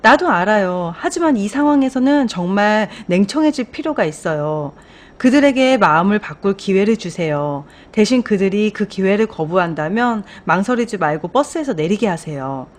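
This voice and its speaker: A woman reading a storybook aloud voices an upbeat, wise bus driver who earnestly encourages while giving firm advice. Her pitch is plainly mid-range, and her animated delivery moves at normal speed, close to an everyday voice.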